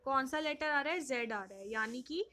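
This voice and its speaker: A woman teacher giving an online lesson to young children, slow and patient, repeating each question and answer, with an Indian English accent. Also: sits high, sharp tone.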